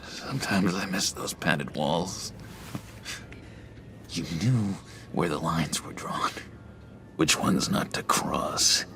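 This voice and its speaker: A male actor voices an eccentric, unsettling former asylum inmate in a video game, awkwardly eager and swinging between giggly and brooding in halting, theatrical lines. His voice is low, creaky and exaggerated, over a noisy background, and the mood is wistful and unsettling.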